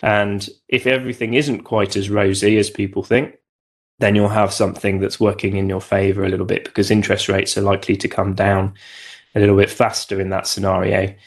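Lower-pitched man giving measured market commentary. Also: flat delivery. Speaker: investment expert guest.

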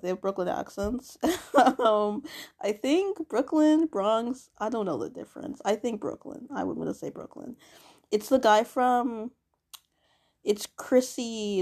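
A woman's voice: medium pitch, gravelly, darkish tone. A young woman talking to herself in a casual, rambling diary monologue, full of filler words and swearing. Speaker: vlogger.

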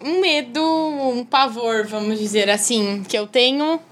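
A woman's voice: on the high side, a little slow, a bit bright, a little hiss or hum. A Brazilian woman chatting on a podcast, giggly and a bit hesitant. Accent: Brazilian Portuguese. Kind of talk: casual group banter.

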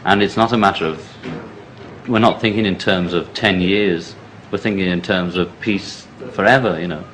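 A man's voice: deep voice, normal speed, a bit bright. A man giving casual political commentary in an earnest, conversational way, phrase by phrase, on a noisy archive recording. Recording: noisy archive clip with background ambience.

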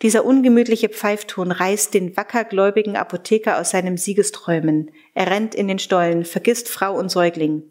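A woman reading a wartime diary aloud in a measured, earnest way. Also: mid-range voice, fairly even intonation, a little mellow. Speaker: reader.

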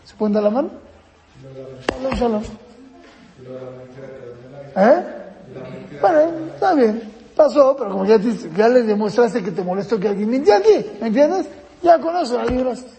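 A man lectures parents in a high, gravelly voice with a mellow, dark tone. He acts out short exchanges between parent and child as he explains. His voice rings through a room with a long reverb. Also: big pitch swings, normal speed, pauses often, a little hiss or hum. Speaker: parenting course teacher.

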